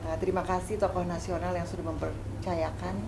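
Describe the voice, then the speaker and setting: Low-voiced woman, chatty doctor. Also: level tone, a little fast, gravelly. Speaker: doctor being interviewed. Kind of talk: conversational interview. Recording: noisy background hiss.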